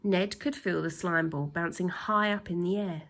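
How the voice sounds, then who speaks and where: With a lowish voice, a woman performs a children's story aloud like a teacher, elongating words expressively and voicing the sound effects.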